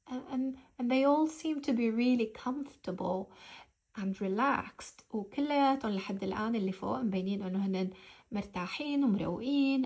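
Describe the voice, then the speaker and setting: A woman with a Levantine Arabic accent and a slightly higher voice teaches English vocabulary. She speaks English in slow, carefully spaced phrases and explains more briskly in Arabic, repeating key words so learners can say them back. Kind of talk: bilingual language lesson.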